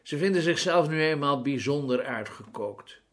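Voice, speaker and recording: A man voicing a small, skinny, earnest little man who speaks quietly and solemnly. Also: on the high side, animated, moderate pace, lightly acted.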